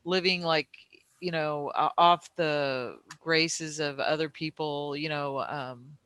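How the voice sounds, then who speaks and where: A man's voice: a little high, fairly even intonation, slow, sharp tone, smooth, dry recording. A man in casual conversation who rambles, with many fillers and restarts.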